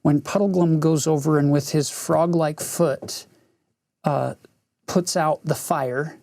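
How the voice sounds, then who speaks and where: A man teaching a lesson, explaining a story with halting restarts before reading from it. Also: fairly high pitch, fairly even intonation, creaky, a little mellow, no room sound, clean studio sound. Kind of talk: scripture-class lesson, reading aloud.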